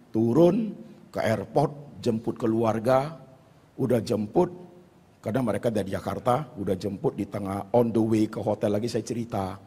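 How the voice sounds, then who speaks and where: Male pastor, very husky voice, long church-hall reverb, earnest repeated testimony. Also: lowish voice, warm tone. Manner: earnest, repeats phrases, addresses congregation as "saudaraku". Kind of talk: sermon with personal testimony.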